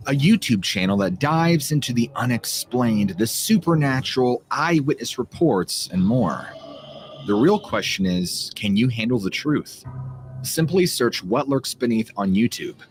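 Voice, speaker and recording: A man reading a dramatic channel promo in an ominous, theatrical voice, his pitch rising and falling widely, with faint ambience behind him. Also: slight background noise. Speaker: ad announcer.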